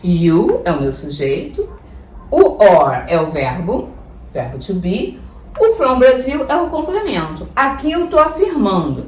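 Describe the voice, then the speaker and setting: A woman teaching a lesson with a lively, up-and-down voice, patiently repeating examples and checking in with her listeners. She sounds a little distant from the mic in an echoey room, with faint ambience underneath. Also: mid-range voice, slight background noise. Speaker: English teacher. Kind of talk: language lesson.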